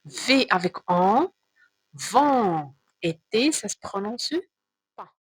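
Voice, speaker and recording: A woman teacher giving a slow, careful reading lesson to children, spelling out sounds and repeating words. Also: medium pitch, lively intonation, breathy edge, rough recording.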